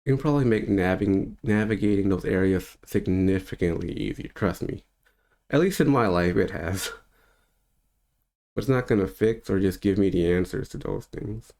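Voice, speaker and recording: In a casual, meandering monologue full of relaxed laughs, a man in his thirties who teaches spirituality talks at a normal speed. His low voice is creaky and a little mellow.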